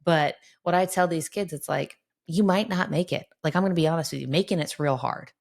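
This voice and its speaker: Woman, middle-aged, deep-toned psychologist guest; earnest, motivating, conversational. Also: a little fast, vocal fry. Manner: earnest, encouraging, often adds "right?". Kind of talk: conversational podcast interview.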